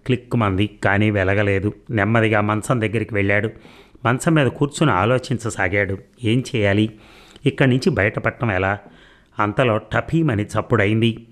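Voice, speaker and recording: A man narrating a detective serial story, reading steadily with quiet suspense. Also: fairly low pitch.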